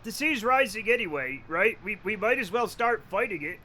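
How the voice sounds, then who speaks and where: A man's voice: sits high, lively intonation, moderate pace, pushed and bright, slight background noise. A man from Rhode Island chatting casually on a live game stream, rambling, joking, cursing freely and laughing often. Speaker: livestreamer. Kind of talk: casual live-stream chat while gaming.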